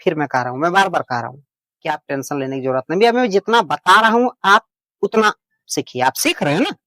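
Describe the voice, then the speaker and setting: A man's voice: on the high side, animated, fast, sharp tone, no echo. Patient, reassuring male English teacher. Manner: patient, repeats points, reassures learners often; plain homely way of explaining. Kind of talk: beginner lesson explained in Hindi.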